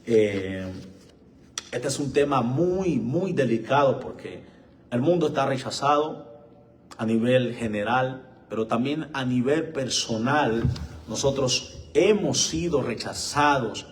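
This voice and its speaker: A man preaching a live-streamed sermon, slow and emphatic, his voice swelling as he reads scripture and repeatedly addressing listeners as brothers and friends. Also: mid-range voice, animated, slight background noise. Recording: echoey room, mic far off.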